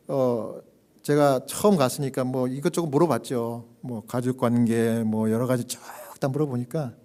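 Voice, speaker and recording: Preaching in a church, a pastor who also serves as a hospital chaplain tells a story in a fairly high voice, animatedly acting out the characters and their quoted lines. When the moment turns solemn, he drops to a hushed whisper.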